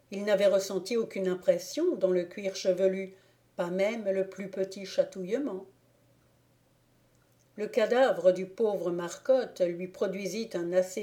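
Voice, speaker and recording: A woman reading a classic novel aloud as an audiobook narrator, in a measured, even storytelling manner. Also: mid-range voice. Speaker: audiobook reader. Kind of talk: scripted literary narration.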